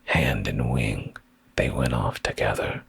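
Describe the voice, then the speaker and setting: In ASMR style, a man softly reads a bedtime story close to the mic, his deep, gravelly, breathy voice often dropping to a whisper. He sounds drowsy and soothing, takes his time, and there's no echo.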